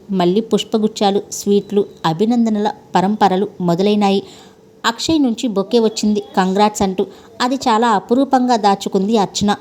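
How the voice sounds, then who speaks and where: Woman reading a story out loud, mellow warm voice, steady even telling. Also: medium pitch. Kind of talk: scripted narration.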